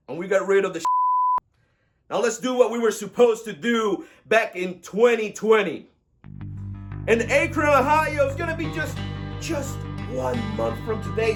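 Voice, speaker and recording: Over prominent music, a very high-voiced man with as his cuts a wrestling promo. His delivery is emphatic and confrontational, aimed straight at his rivals. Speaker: professional wrestler, tag team partner. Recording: loud music behind the voice.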